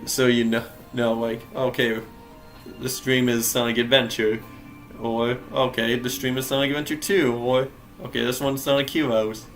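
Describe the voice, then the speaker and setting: A man's voice: mid-range voice, level tone, moderate pace, faint music behind. A young man giving casual gameplay commentary, rambling and correcting himself, often laughing. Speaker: game streamer.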